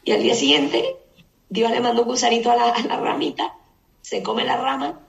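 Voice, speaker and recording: A woman teaching a Bible study group, retelling the story in a lively casual way and putting questions to the listeners. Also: fairly high pitch, normal speed, gravelly. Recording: echoey room, distant mic.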